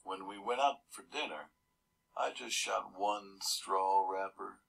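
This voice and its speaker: A man's voice: lowish voice, takes it slowly, creaky, a bit bright, rough recording. A man reading a children's storybook aloud, adding casual, chuckling comments between pages. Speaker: storybook reader.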